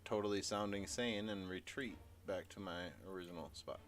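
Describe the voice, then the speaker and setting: A man playing a tabletop game over a voice call, casually checking rules out loud. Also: low-pitched, fairly even intonation, moderate pace, heavy background noise. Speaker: player.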